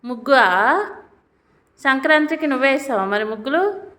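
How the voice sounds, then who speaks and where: Young woman, high and bright, playful coaxing chat with a little kid. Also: normal speed. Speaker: family member filming a child. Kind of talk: casual chat with a small child.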